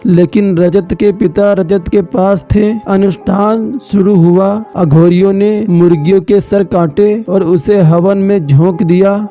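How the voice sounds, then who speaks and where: A man narrating a scripted horror story slowly and dramatically. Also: sits high, mellow.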